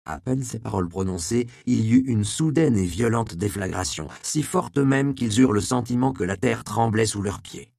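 Gravelly low-voiced male audiobook narrator. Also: normal speed, few pauses, darkish tone, no room sound, studio quality. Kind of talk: scripted narration.

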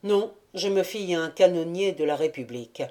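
A woman reading the lines of a stern, measured male naval officer in a storybook. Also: lowish voice, expressive, darkish tone, lightly acted. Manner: measured, severe.

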